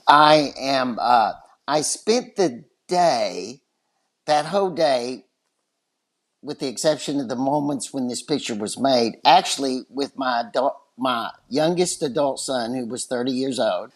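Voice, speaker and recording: A man's voice: mid-range voice, animated, measured pace. An older man from West Texas with a West Texas twang, telling anecdotes as an interview guest. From West Texas, United States. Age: 60s or older. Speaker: podcast guest, retired divorce lawyer. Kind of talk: animated anecdotal interview talk.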